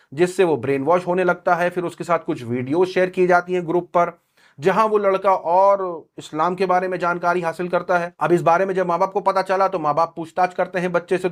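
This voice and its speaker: A man hosting a news commentary channel, running through the headlines in a sarcastic tone. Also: sits high.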